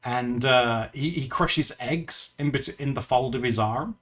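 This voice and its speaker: During a live art stream, a man chats casually with viewers while drawing, giggling a lot, laughing often, and restarting his sentences. His mid-range voice is unhurried and fairly bright.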